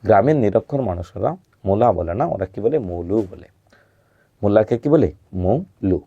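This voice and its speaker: A man teaching a recorded grammar lesson, patiently repeating words slowly and asking questions he then answers himself. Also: on the low side, animated, mellow, husky, no room sound, highs cut off.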